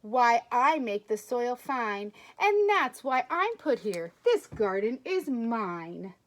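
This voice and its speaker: A woman's voice: a little high, big pitch swings. A woman voicing a humble earthworm who sighs as he explains his work in the soil. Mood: weary. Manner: sighing, slow.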